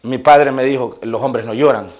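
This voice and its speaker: A male pastor with a Salvadoran Spanish accent preaches a sermon to his congregation in a medium-pitched voice at normal speed. He tells homely personal stories to his listeners, then drives his points home with emphatic preaching.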